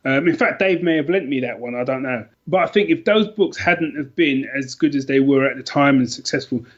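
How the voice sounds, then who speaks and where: Talking briskly in a mid-range voice, this middle-aged British podcast guest reflects casually on the books he loves most. He thinks out loud, circling back to repeat and reword his points, all captured in dull, lo-fi sound.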